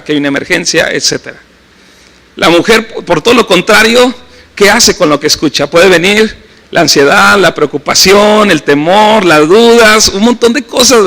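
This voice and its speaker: Middle-aged Mexican male pastor, high bright voice, casual sermon that keeps checking in with the crowd. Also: rough recording. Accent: Mexican Spanish. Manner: conversational preaching with frequent tag questions. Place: church service.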